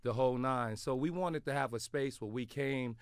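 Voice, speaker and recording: A New man speaks in a measured, promotional way with plenty of fillers. His voice is smooth and clear. The sound is dry and close. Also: medium pitch, no room sound. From Queens, New York. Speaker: guest, TV channel co-owner. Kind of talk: promotional interview talk. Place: radio studio.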